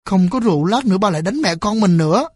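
Timid frightened son, voiced by the narrator, halting, husky tone. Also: medium pitch, lively intonation, no echo, studio quality. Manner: timid, stammering. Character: frightened young son Sơn.

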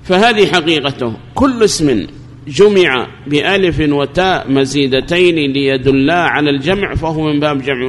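A man giving a recorded grammar lesson, explaining slowly and repeating his examples, with questions he then answers himself. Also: on the high side, long reverb tail, a little hiss or hum. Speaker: grammar teacher.

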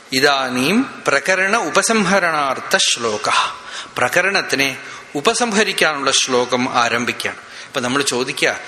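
A man, a spiritual teacher, giving a scripture discourse, explaining with rhetorical questions and slowly chanting verses. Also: medium pitch, bright, forceful tone. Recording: echoey hall, faint ambient noise.

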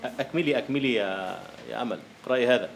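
Lively male lecturer quizzing his class. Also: medium pitch, very fast, gravelly, slight background noise. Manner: lively, questioning students, often dropping to a quiet murmur. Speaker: university lecturer. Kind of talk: classroom lecture on poetic meter.

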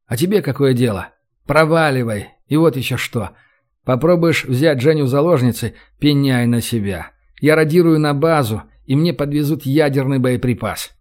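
A man's voice: mid-range voice, moderate pace, a little mellow, close to an everyday voice. A man voicing a sarcastic, commanding young man who taunts and threatens. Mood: threatening.

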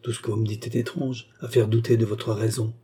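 A flustered aristocratic baron, bewildered and exclaiming, yet indulgent, as a male reader voices him. The tone is very dark and mellow with a husky grain. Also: lowish voice, flat delivery, a little fast.

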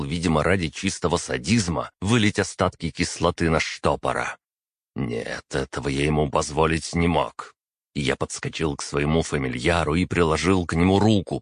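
Male audiobook narrator, extremely deep voice, steady measured reading, dry close mic. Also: dry recording. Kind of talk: first-person fantasy audiobook narration.

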